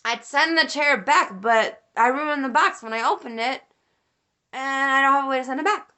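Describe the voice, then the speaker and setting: A young woman vlogger telling a story in a casual, animated way, swearing and laughing as she rants. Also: sits high, normal speed.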